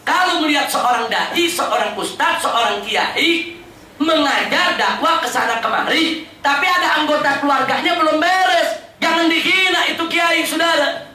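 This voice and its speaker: High-voiced preacher in an echoey hall. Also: male voice, normal speed. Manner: lively storytelling, often addressing the crowd as brothers. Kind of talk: sermon. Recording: echoey hall, distant mic.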